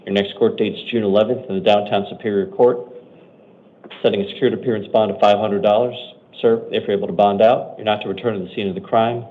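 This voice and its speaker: An American man speaking as a judge at a hearing, making procedural courtroom announcements in a brisk, matter-of-fact, routine way. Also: on the low side, steady tone. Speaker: judge or commissioner at initial appearance hearings. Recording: muffled phone-like courtroom audio.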